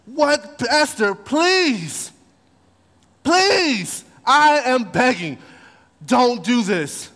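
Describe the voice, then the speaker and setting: A cornered male court official who stammers and begs for mercy, as a man puts him on. The voice sits above a plain speaking pitch, with a long hall reverb around it. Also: animated, fairly quick, hardly any pauses, fairly bright tone. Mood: pleading. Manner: stammering, begging.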